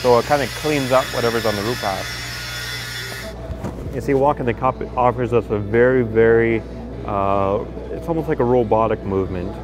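A man's voice: medium pitch, normal speed, low-quality recording. A man with a Canadian accent gives unscripted commentary in a fabrication shop, explaining a welding process step by step with fillers and restarts. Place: large industrial fabrication shop, indoors. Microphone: handheld or lapel mic. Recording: background music under voice.

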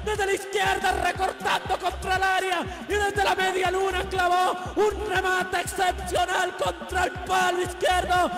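A Colombian man calling football as breakneck goal commentary, impassioned and shouting. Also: very high-pitched, monotone, measured pace, few pauses. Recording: echoey broadcast over loud music.

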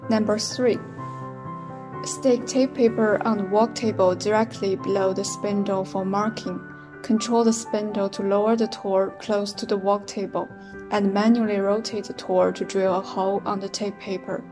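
A product demonstrator, a young woman with a Chinese accent, speaks over music while reading numbered machine setup steps in a step-by-step voice-over. Her delivery is plain and methodical, at a moderate pace, in a medium pitch with little pitch movement.

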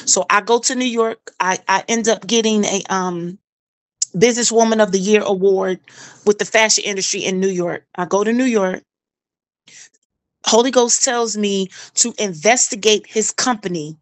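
A woman's voice: mid-range voice, normal speed, dry recording. Woman telling a story, dry close sound. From South Carolina, US. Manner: animated, acts out quoted dialogue, repeats phrases for emphasis. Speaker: co-host telling her own story. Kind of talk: casual storytelling chat.

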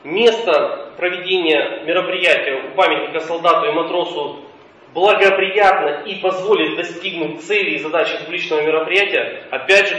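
A man's voice: fairly high pitch, sharp tone. Echoey, distant man arguing formally in court. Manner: formal, legalistic, deliberate phrasing. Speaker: claimant's representative in court. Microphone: dictaphone far from the speaker. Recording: muffled echoey courtroom dictaphone, distant, faint noise.

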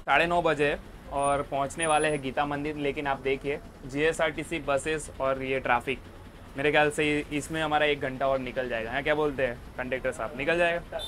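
A man's voice: on the high side, fairly even intonation, fairly quick, fairly bright tone. Young man vlogging from a noisy bus. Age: young adult. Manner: chatty, mixes English words into Hindi. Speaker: travel vlogger. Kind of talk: casual travel vlog narration. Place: moving bus at night. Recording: bus and street noise behind. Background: engine and traffic noise.

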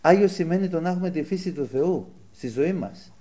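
Male preacher, fairly high voice, lively, swooping delivery, animated storyteller. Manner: animated storytelling, voice rising when quoting angry people. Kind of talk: sermon.

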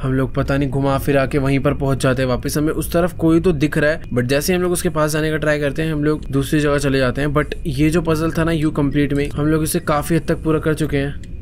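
A young man with a Hindi accent doing excitable let's play commentary of a horror game, talking to viewers with jumpy startled cries. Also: a little high, a little fast, slight background noise. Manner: excitable, talks to viewers, jumpy frightened exclamations. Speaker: gaming YouTuber.

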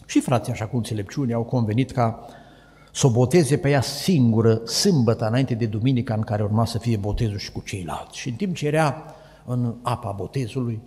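A man with a Romanian accent preaching a sermon, telling stories and acting out the voices, swinging between loud and hushed. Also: mid-range voice. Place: church hall. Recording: echoey church hall.

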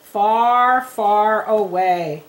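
A woman voicing a sensible, patient female dog in a children's storybook, reading the lines slowly and drawn out. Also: medium pitch, rough recording.

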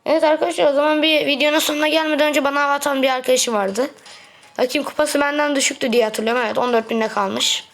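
A woman talking through her matches as a gaming video creator, chatty and quick to get exasperated with teammates. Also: high-pitched, fairly even intonation, creaky, fairly bright tone. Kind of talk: gameplay commentary. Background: background music.

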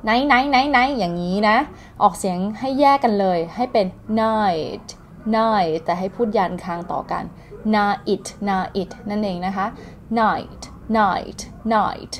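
A woman whose first language is Thai, teaching English pronunciation and repeating words in slow drills. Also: medium pitch. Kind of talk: pronunciation lesson.

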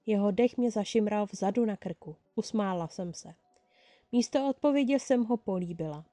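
Storyteller: a woman reading fan fiction aloud, first person and lively, with a dark, mellow voice and a dry, close sound. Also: medium pitch, no room sound.

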